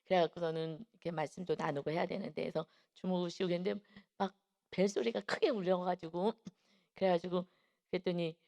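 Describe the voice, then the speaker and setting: A middle-aged woman preaching at a dawn service in a conversational way. She tells personal stories, acts out other people's words, and often clears her throat. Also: fairly low pitch, fairly even intonation, a little fast, a little mellow. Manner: chatty storytelling, acts out quoted voices, frequent throat clearing. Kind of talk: conversational sermon with personal anecdotes.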